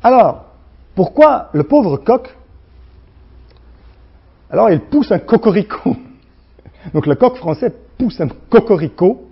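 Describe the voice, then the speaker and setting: A man with a Slavic accent, a native Slovene speaker, giving a university lecture in a halting way, full of restarts and fillers, acting out the sounds he discusses. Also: high voice, very animated, vocal fry, slightly rough, dull audio. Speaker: guest lecturer.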